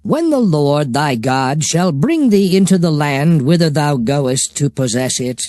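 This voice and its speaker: A man playing a solemn prophet exhorting his people, declaiming archaic scripture with deliberate phrasing in a dramatized Bible reading. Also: a little high, animated, darkish tone, no echo. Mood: stern, commanding. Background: music.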